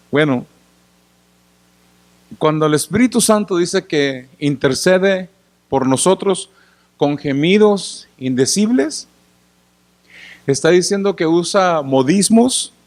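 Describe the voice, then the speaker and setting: A male pastor delivers a sermon, sounding tired after a day of work. He talks casually with the congregation, throws questions at them and acts out small scenes. His voice sits somewhat high for a man. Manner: conversational, asks the congregation questions often; acts out little scenes and gestures. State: tired after working in the sun.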